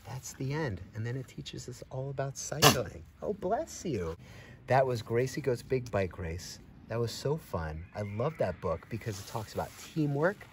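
Next to a barn in a grassy farmyard, a middle-aged man with a mid-range voice reads a picture book to children, keeping a measured pace. He sounds expressive and supportive, directly addressing the children and an animal with friendly asides. Background noise mingles with clear outdoor ambience.

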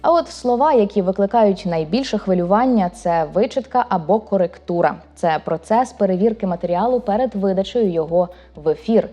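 Mellow-voiced woman narrating a language show. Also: mid-range voice, lively intonation, faint music behind. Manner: clear, deliberate delivery of word examples. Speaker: program host. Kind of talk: scripted narration.

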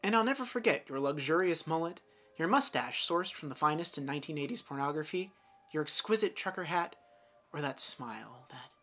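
A woman's voice: deep voice, lively intonation, fairly quick, a bit bright. A woman hosting a comedic review of an old tape, sarcastic and mock-dramatic.

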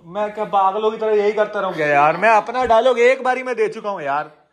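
A man's voice: high-pitched, a little fast. A man vlogging casually, bossy and exasperated as he directs repeated takes. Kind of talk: casual vlog banter.

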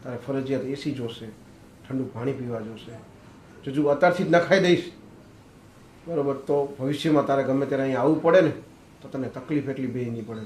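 A man's voice: mid-range voice, a little fast, darkish tone, slight background noise, close to an everyday voice. A man voicing a dying elderly father who pleads earnestly with his son. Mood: pleading. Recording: echoey, roomy recording.

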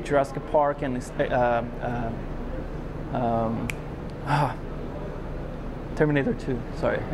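A man's voice: a little high, noisy background. A man in his forties from Brazil with a Brazilian Portuguese accent, answering interview questions casually in a large glass-walled hall on a lapel mic, rambling with many fillers. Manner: rambling, many fillers like "you know, it's like". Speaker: guest artist.

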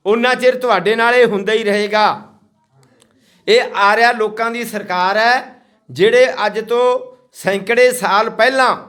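Indignant high-voiced man from Haryana. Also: fairly bright tone. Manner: indignant, scolding, repetitive. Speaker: social activist. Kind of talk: impassioned speech to villagers.

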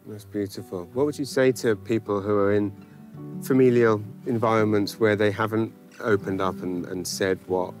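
Energetic English man hosting an interview. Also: fairly low pitch, soft background music. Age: 40s. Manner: lively, enthusiastic, quick to affirm. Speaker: host and interviewer. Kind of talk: interview conversation. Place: outdoors in a large garden.

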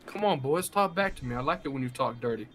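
A man's voice: mid-range voice, expressive, fast, a bit bright, slight background noise. A young man gamer in casual voice chat, teasing and mocking other players with lots of laughter.

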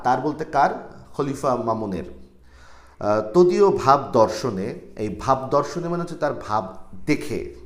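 A man's voice: mid-range voice, reverberant. A male teacher who explains a textbook story line by line. He reads old literary phrases aloud, then restates them in everyday words.

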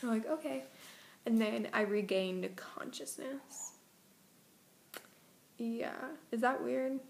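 A woman's voice: on the high side, slow pace, creaky, reverberant. A young woman vlogger, just woken up, telling a long dream in a casual, meandering way full of fillers and self-corrections. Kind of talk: casual rambling story.

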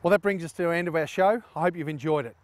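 A middle-aged man hosting a fishing show outdoors, chatting in a relaxed, enthusiastic way to camera. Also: fairly high pitch, very fast, dry recording. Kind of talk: casual presenting to camera. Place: outdoors by a river. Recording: outdoor talk with loud music behind.

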